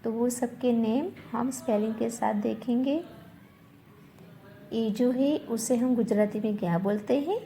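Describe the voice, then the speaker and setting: A woman's voice: a little high, measured pace, vocal fry, warm tone, a little hiss or hum. A woman teacher leading a revision lesson, spelling words letter by letter, repeating them and answering her own questions. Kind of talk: slow classroom revision lesson.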